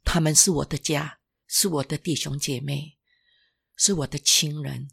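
An older former pastor giving an emotional personal testimony, halting and restarting, sometimes dropping to a whisper. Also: medium pitch, steady tone, vocal fry, fairly bright tone, breathy edge.

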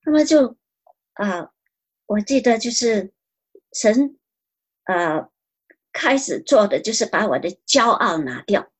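Husky woman giving earnest testimony. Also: mid-range voice, expressive, slow, pauses often. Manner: earnest, repeats phrases. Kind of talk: spoken personal testimony.

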